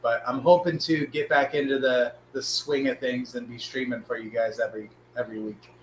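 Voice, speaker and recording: A man hosting a casual live stream, his voice sick and hoarse with a smoker's rasp. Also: mid-range voice, level tone, brisk, echoey room, a little hiss or hum, poor audio.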